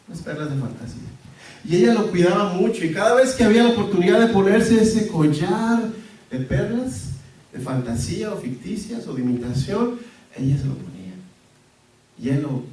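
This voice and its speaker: A male pastor preaching a sermon in a church, earnest, with soft pauses and sudden emphatic rises. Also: on the high side. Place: church sanctuary. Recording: echoey church hall, mic at a distance.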